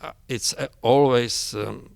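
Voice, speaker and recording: Male professor, halting with fillers, dry studio. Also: mid-range voice, steady tone, creaky, darkish tone, no room sound. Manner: halting, many fillers, non-native phrasing. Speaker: pathology professor, guest. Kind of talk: interview.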